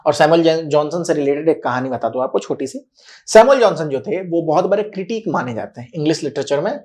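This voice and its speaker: A man's voice: fairly high pitch, animated, a little mellow. Patient male teacher checking understanding. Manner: explains patiently, keeps checking that students follow; repeats key words slowly for emphasis. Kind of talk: recorded classroom-style lecture.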